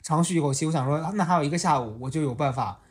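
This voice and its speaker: A podcast host telling a school story in casual chat, animated and often laughing. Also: mid-range voice, racing.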